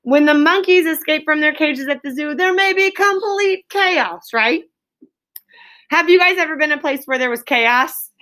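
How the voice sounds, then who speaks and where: Taking a moderate pace, a bright, high-voiced American woman leads young pupils through an interactive lesson in the role of an elementary school teacher, demonstrating and instructing clearly.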